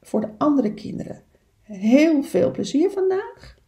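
A woman's voice: sits high, sing-song, unhurried, warm tone, roomy sound. A woman teacher reading a picture book aloud to young children, with chatty asides to her listeners.

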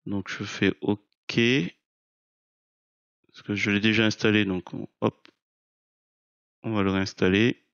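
A man narrating an unscripted software screencast, explaining step by step in a hesitant, halting way. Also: on the low side, flat delivery, no echo, lo-fi sound. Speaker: software tutorial presenter.

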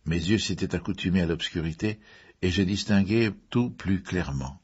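A man narrating a mystery story in a measured way, with the odd filler. His voice is low and husky. The recording is dull and muffled. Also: a little mellow. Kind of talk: audiobook reading.

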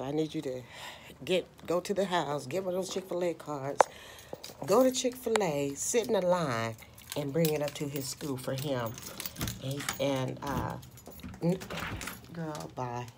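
With a phone held at arm's length, a vlogger in her forties chats casually from a parked car, loose and talkative, calling her listeners "girl" often. Her voice sits low, and the background is noisy.

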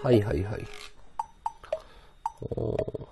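A man's voice: slow pace, warm tone, faint music behind. A man streaming live, chatting casually and answering his viewers' comments aloud. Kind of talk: casual livestream chat.

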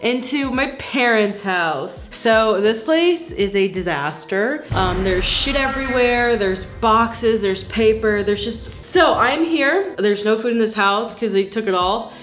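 A young woman in her twenties talks to her phone camera in a loose, joking vlog chat, swearing freely as she goes. Her voice sits a little high. Faint music plays under the recording. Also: animated, unhurried, few pauses, fairly bright tone. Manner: chatty, playful, swears freely. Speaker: vlogger. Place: house rooms and parked car. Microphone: handheld phone camera.

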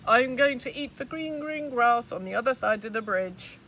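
Big bossy billy goat, lady doing him, loud n bold, storybook, mic far off outside. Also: on the high side, animated, normal speed, voice pushed up. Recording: far mic with outdoor traffic noise.

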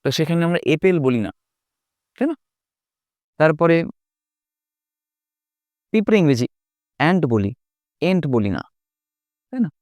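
A male teacher explains letter sounds step by step, pausing to check that his students follow. His voice sits slightly high for a man and sounds smooth and clear. The recording is dry and close, with no room echo. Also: very animated, dark tone. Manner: explains patiently, often asks "right?" to check understanding. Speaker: English teacher. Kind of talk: spoken language lesson.

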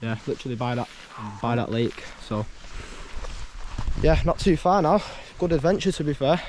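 Male vlog host, Northern English, casual trail chat, slightly high pitch, light outdoor noise behind. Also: expressive, normal speed, darkish tone. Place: outdoors on hills and woodland trails.

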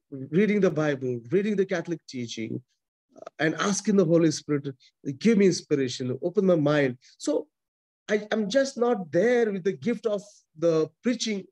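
A priest in his forties, Indian-accented and speaking English as a second language, preaches emphatically and repetitively over a video call from a small chapel. His voice is fairly high with a darkish tone. He gestures, restarts frequently, and is recorded close up by a webcam.

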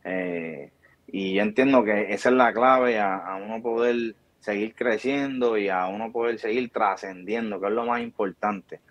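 A man's voice: fairly low pitch, a little slow, no room sound. A man in his thirties with a Puerto Rican accent, a barbershop founder giving an emphatic, preachy motivational talk as an interview guest over a video call. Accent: Puerto Rican Spanish. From Puerto Rico. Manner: emphatic, preachy, gestures with hands. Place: small indoor room. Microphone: video call webcam. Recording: dull lo-fi video call audio.

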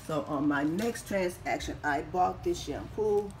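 Deep-voiced and raspy, a woman in her fifties speaks at a measured pace as she methodically reads prices off receipts in a casual product haul. She's a couponing vlogger recovering from surgery. She films in an echoey room at home, phone camera held over the items, with faint background noise.

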